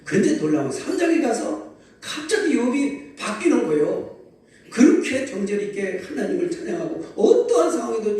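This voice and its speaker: Mellow-voiced male pastor in echoey church. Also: fairly high pitch. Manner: lively storytelling preaching, calls to the congregation. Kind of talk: Sunday sermon. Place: large church sanctuary. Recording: very echoey church hall, distant mic, faint ambience.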